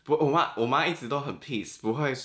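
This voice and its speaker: A man's voice: mid-range voice, a little fast. A young man with a Taiwanese Mandarin accent, a podcast guest telling a personal story with frequent laughs. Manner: animated storyteller, laughs often. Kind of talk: casual chat, storytelling.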